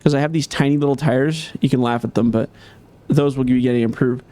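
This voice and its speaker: A man giving casual gameplay commentary as a game modder, chatty and thinking aloud with many fillers, slightly hoarse. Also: mid-range voice, fairly even intonation, a little fast, dark tone.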